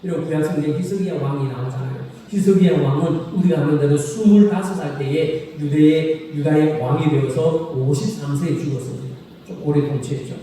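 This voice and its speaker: A man preaching a sermon as pastor, reading scripture slowly and asking the congregation questions, then repeating the answers himself. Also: a little high, mellow. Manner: asks the congregation questions and repeats key phrases; slow, solemn scripture reading. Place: church sanctuary. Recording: echoey hall reverb from a distant mic, faint noise.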